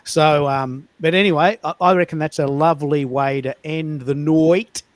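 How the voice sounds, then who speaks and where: A man with a Melbourne Australian accent hosting a casual live audio chat, relaxed and rambling, often restarting his sentences. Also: fairly high pitch, normal speed. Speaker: host of a social audio room.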